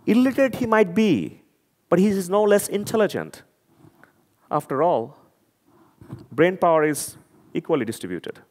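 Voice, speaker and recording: A man from Bangladesh, speaking with a Bangladeshi accent at a conference, has a high-pitched, animated, slightly mellow voice and talks at normal speed with frequent pauses. Earnest and emphatic, he often repeats words as he looks for them, with long hall reverb in the background.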